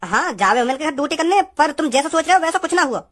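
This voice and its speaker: Woman doing a tiny cocky cartoon guy, high and fast, rambles on with big tall tales. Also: expressive, a bit bright. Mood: rambling. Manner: boastful rambling storyteller, brash. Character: tiny cocky grown man Kaliya, 32. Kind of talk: cartoon voice acting.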